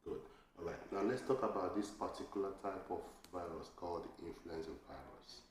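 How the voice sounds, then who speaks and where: A patient male teacher runs an oral speaking test, asking short questions and offering brief praise between the answers. His voice sits at an ordinary pitch. It rings out in a very echoey room, with faint noise behind it. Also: moderate pace. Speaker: English teacher and examiner.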